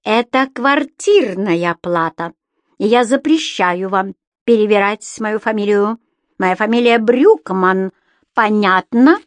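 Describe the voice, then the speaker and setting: A woman doing a shouting, outraged landlady. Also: medium pitch, expressive, slow, no room sound. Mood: scolding. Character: indignant, scolding landlady, middle-aged woman.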